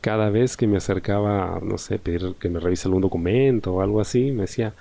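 A man's voice: on the low side, fairly quick, gravelly, warm tone. A young man with a Peruvian Spanish accent hosting a solo podcast, talking in a reflective, conversational way and often ending phrases with a questioning tag. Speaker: podcast host.

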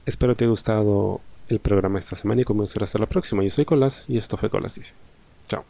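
A man's voice: on the low side, quick pace, vocal fry, warm tone. A young man with a Peruvian Spanish accent hosting a solo podcast, talking in a reflective, conversational way and often ending phrases with a questioning tag. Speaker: podcast host.

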